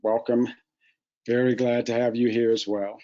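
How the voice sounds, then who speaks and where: Male webinar host, measured scripted delivery, dull online-call sound. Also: mid-range voice, flat delivery, warm tone. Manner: formal, measured introductions. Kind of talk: reading scripted introductions. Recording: muffled lo-fi webinar audio.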